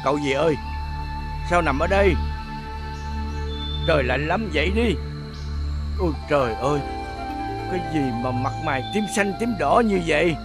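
A man's voice: fairly high pitch, expressive, moderate pace, pauses often. An actor playing a worried passerby who tries to wake a hurt young man, with music behind. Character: concerned passerby man, rousing a beaten youth.

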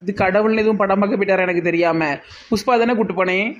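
A woman's voice: medium pitch, quick pace, lo-fi sound, a little hiss or hum, close to an everyday voice. A woman playing a scatterbrained, rambling young wife in a comedy skit, with a Tirunelveli Tamil accent. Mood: muddled. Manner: rambling, confused.

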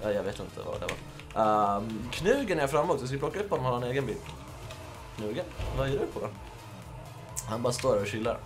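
Young swedish guy doing casual gaming commentary, jokey and sweary, a bit under the weather, quiet music behind. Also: medium pitch, animated. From Sweden. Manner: joking, swearing, quick laughing outbursts. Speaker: gaming YouTuber. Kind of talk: casual let's-play commentary.

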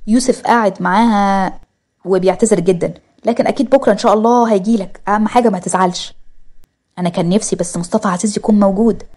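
A chatty family man in an audio story, explaining and apologising at length, voiced by a woman narrator. Husky and very quick. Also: medium pitch, steady tone, a little mellow, close to an everyday voice. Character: chatty family man making excuses for relatives.

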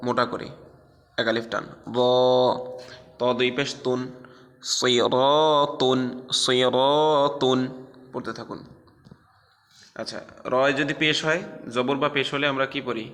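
A man teaching a Quran recitation class, spelling out letters and drawing out recited words slowly between explanations of the rules. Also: medium pitch, fairly even intonation, bright, forceful tone, big-room sound. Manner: slow, drawn-out recitation of syllables, then explaining rules.

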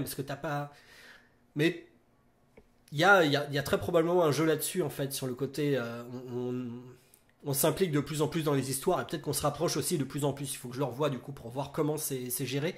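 A man's voice: on the high side, fairly even intonation, fast talker. Hesitant French-speaking man discussing films. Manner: hesitant, many fillers and restarts. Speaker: film critic. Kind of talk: casual film discussion.

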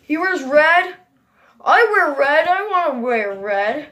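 Comedic vlog character: a woman doing a jealous eleven-year-old boy, very high, bright voice, rambling and quick to rage. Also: sing-song, heavily acted. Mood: grumbling.

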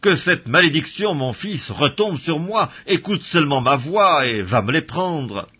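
A man's voice: fairly high pitch, animated, measured pace, breathy edge, voice pushed up. Man reading a scheming mother, urgent. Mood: urging. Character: scheming mother urging her younger son. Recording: dull lo-fi audio.

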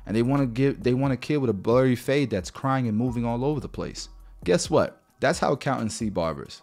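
A mid-range, slightly mellow male voice gives this blunt, direct finance lesson. The man, a barber business mentor in his thirties, records to camera in a small home studio with a podcast mic close by, and he keeps falling back on "guys" and "right."

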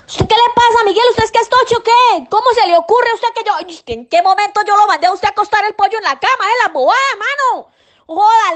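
Woman as fed-up coastal mom, very high voice, nagging and swearing, comedy sketch. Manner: nagging, scolding, cursing. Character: exasperated scolding mother of a grown son. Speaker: sketch actor.

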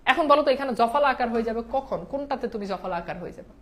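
Fast-talking woman tutor, high voice, quizzing and answering herself. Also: lively intonation. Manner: asks rhetorical questions and answers them herself. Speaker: teacher. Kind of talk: online exam-prep lesson.

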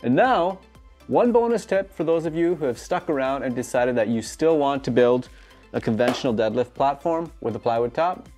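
With music in the background, a man in his thirties runs through casual instructions for his home gym DIY channel from an indoor garage gym, adding tongue-in-cheek jokes along the way. His medium-pitched voice has lively intonation, a normal speed, and a slightly mellow quality.

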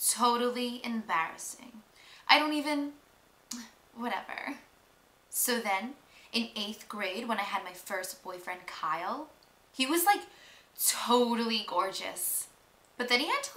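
A woman's voice: a little high, bright, forceful tone, heavily acted. A young woman performing a monologue as a mean, spiteful, popular teenage girl, with a catty, gossipy, mock-sweet drawl. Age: young adult. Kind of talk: acted film monologue. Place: small room indoors. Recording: roomy, echoey home recording.

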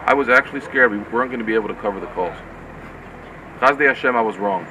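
Middle-aged man, lowish voice, outdoor noise. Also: quick pace, recorded from a distance. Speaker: organization coordinator making an appeal. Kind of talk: sincere prepared appeal to camera. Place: outdoors on a street. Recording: off-mic outdoors, clear traffic noise.

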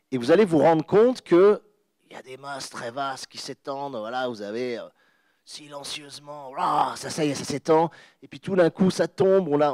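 A man's voice: on the high side, a little mellow, no echo. A man, a guest author on a panel, giving an emphatic spoken explanation with many restarts. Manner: emphatic, restarts and repeats words, acts out sounds. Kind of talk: animated lecture-style explanation.

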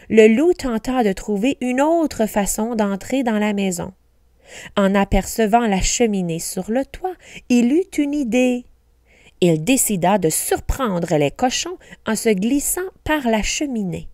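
A woman teacher reading a storybook aloud slowly, carefully pronouncing each word for learners. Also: medium pitch, animated, dark tone, no echo, studio quality.

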